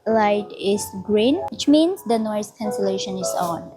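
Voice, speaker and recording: A woman's voice: mid-range voice, lively intonation, measured pace. A young woman chatting casually in a product demo at a coffee shop outside, her voice run through a wireless mic's noise cancellation processing. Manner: chatty, unscripted, with fillers and asides. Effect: noise cancellation processing on the mic. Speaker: vlogger reviewing a microphone. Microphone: small wireless clip-on mic. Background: background music playing.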